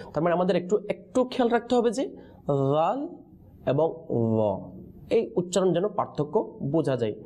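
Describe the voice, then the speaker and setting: A man leads a Quran pronunciation class, his pitch lively and swinging high and low as he drills letter sounds. His tone is mellow and soft. He calls out a question and waits for the students to finish it. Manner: call-and-response teaching, prompting answers with questions. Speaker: Quran recitation teacher.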